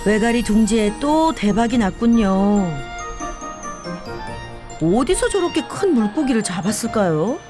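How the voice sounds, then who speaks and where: A woman's voice: fairly high pitch, very animated, a little slow, pauses often. Woman narrating a nature documentary over music. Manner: storytelling, speaking as one of the river's birds. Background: background music.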